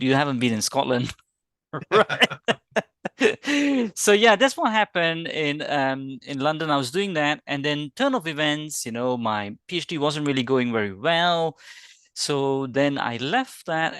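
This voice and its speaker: A man's voice: a little high, lively intonation, measured pace, a bit bright, dry recording. A man in his forties from Singapore, a company founder, chatting as a webinar guest and laughing through his stories. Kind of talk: casual interview chat.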